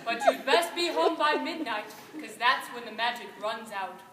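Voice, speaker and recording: A kindly fairy god cow, played by a woman, high and swooping, giving folksy instructions in a storybook stage reading. The voice rings from far off in a hall with loud audience noise. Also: lively intonation, normal speed, crowd noise, close to an everyday voice. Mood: encouraging. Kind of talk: amateur reader's theater. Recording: noisy echoey hall, distant, audience sounds.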